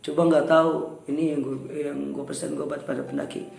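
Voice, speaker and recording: A young man telling a story in a casual interview, animated, raising his voice for quoted dialogue. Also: fairly high pitch, a little fast, gravelly. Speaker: guest storyteller. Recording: echoey room with soft music.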